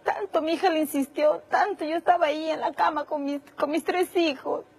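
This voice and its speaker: A woman's voice: sits high, steady tone, brisk, darkish tone, low-quality recording. A woman, a mother giving emotional testimony in a TV interview, her voice repeating itself and breaking into tears.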